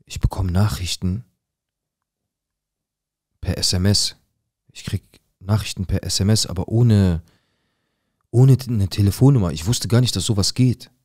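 A young man acting out a rough-talking, paranoid drug dealer who tells his own story in a dramatic monologue full of slang and swearing. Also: on the low side, moderate pace, long pauses, darkish tone, dry recording, studio quality, close to an everyday voice. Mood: tense. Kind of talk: dramatic first-person monologue.

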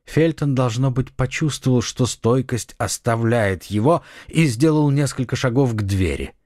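A man narrating an adventure novel audiobook with an expressive, dramatic reading. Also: mid-range voice, normal speed, no echo, clean studio sound. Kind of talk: scripted narration.

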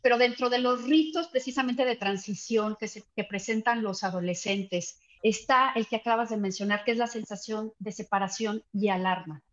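A woman psychologist, a guest on a video call, explaining in a measured, hesitant way with many fillers. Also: on the high side. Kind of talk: explanatory talk. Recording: dull lo-fi video call audio.

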